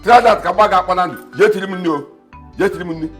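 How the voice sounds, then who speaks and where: A man's voice: sits high, fast talker, faint music behind, natural voice. An actor with a Nigerian accent playing a scoffing, bossy middle-aged father in a film drama. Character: gruff scornful middle-aged father, mocking and domineering.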